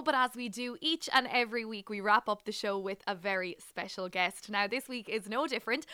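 A woman's voice: a little high, pushed and bright, clean tone, dry recording, clean studio sound. A woman with an Irish accent presenting and interviewing as the host of a radio show.

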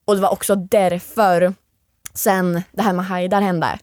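A woman's voice: on the low side, dry recording, clean studio sound. A young woman, a guest in an interview, telling a story with lots of energy and acting out what other people said. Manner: animated storytelling, acts out quoted lines. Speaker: guest, former reality show contestant.

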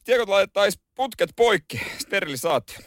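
A man's voice: high voice, animated, a bit bright, dry recording, studio quality. A man co-hosting a radio show, trading teasing jokes in casual chat. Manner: teasing, joking banter. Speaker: radio co-host.

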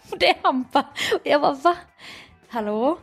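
A woman's voice: high voice, gravelly, soft background music. A tired woman chatting casually, telling a story with lots of laughter and acted-out dialogue. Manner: animated storyteller, acts out dialogue, laughs often. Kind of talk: casual chat.

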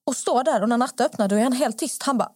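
A woman tells a story on a chatty podcast, slipping into the voices of the people she describes. Her voice sits a little high. The sound is dry and close, with no room echo. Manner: animated, acts out the people in her stories. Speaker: podcast host. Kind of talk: casual storytelling chat.

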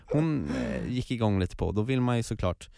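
A man's voice: lowish voice, very animated, gravelly, warm tone, dry recording, clean studio sound. A man, podcast host, telling a long story in casual chat, rambling with many fillers and restarts.

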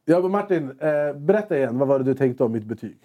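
Husky young man telling a wild story. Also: mid-range voice, lo-fi sound. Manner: animated, quotes himself and others in quick bursts. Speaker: podcast co-host. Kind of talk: casual storytelling chat.

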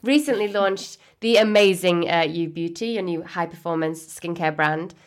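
A woman's voice: fairly low pitch, normal speed. A woman hosting a podcast in a polished, enthusiastic manner, moving between scripted introduction and interview questions. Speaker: podcast host.

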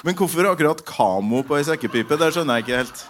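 A man's voice: on the high side, animated, a little hiss or hum. A man hosting a live podcast, chipping in with dry, teasing remarks. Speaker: podcast host.

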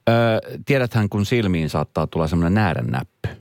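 A man's voice: low voice, sing-song, darkish tone, no room sound, clean studio sound. A man in his forties co-hosting a casual radio chat, telling stories with many fillers and easy laughs. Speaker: radio host.

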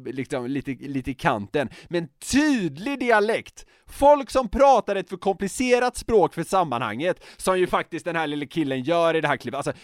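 A young Swedish man co-hosting a podcast, talking in an emphatic, animated way and laughing often. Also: fairly high pitch, dry recording, studio quality. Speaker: podcast co-host. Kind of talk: casual podcast chat.

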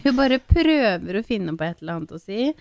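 A woman's voice: creaky, no room sound. Chatty mother, close dry sound. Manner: animated storyteller, acts out her child's pleading in a high voice. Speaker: podcast co-host, mother of a young girl. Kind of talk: casual chat.

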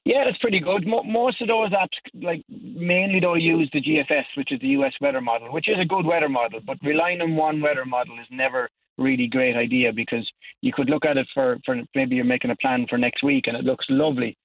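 A man's voice: on the high side, fairly quick, creaky. An Irish man explaining things casually as a guest in a radio interview. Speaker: amateur weather forecaster, radio interview guest. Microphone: telephone. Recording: narrow, tinny phone line.

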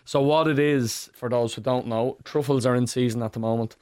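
A man's voice: mid-range voice, fairly even intonation, fairly quick, darkish tone, no echo, clean studio sound. A man with an Irish accent co-hosting a podcast in casual, slangy, jokey chat. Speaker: podcast co-host, chef.

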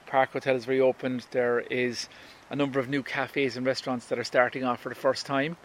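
A man's voice: mid-range voice, little pitch movement, brisk, slight background noise. A radio presenter from County Kerry with a Kerry Irish accent, a man chatting in an interview. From County Kerry, Ireland.

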